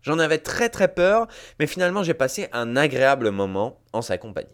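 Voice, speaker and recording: A man's voice: medium pitch, very animated, a little fast, a bit bright, clear, resonant tone. A man hosting a scripted commentary, talking emphatically and addressing listeners directly. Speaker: host.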